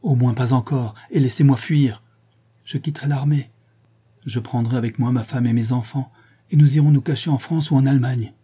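Man voicing an anguished pleading army major, very dark voice, husky. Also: mid-range voice, steady tone, normal speed, close to an everyday voice.

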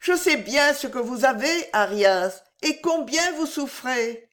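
A woman's voice: expressive, takes it slowly, fairly bright tone, heavily acted. A woman reading a novel aloud, voicing a young, elegant, sentimental lady in a raised, indignant, exclaiming voice. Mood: earnest. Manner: indignant, exclamatory, high-pitched. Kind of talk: audiobook reading.

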